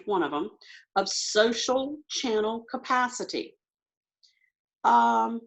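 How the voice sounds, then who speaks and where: A woman teacher with a fairly high voice talks through reading questions at a quick clip, thinking aloud as she goes. She sounds like she is on a video call. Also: a bit bright. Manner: quick, self-talking teacher walking through answers aloud. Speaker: test prep teacher. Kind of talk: recorded online lesson.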